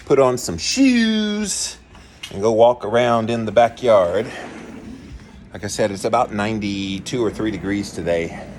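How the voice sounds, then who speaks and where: Low-voiced man vlogging over background noise. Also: fairly even intonation, moderate pace, darkish tone. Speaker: vlog host. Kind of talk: casual vlog monologue to viewers. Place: backyard, outdoors. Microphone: handheld phone. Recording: noisy handheld phone recording.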